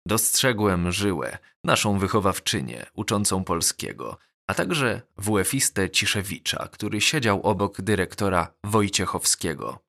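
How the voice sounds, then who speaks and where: A man narrating a novel as an audiobook, measured and even. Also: low voice, vocal fry. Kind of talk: scripted narration.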